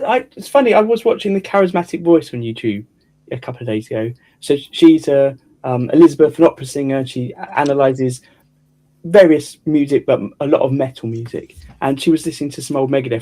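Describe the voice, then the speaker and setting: A man's voice: mid-range voice, darkish tone. A man hosting a casual chat about guitar building, rambling with frequent restarts. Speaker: host.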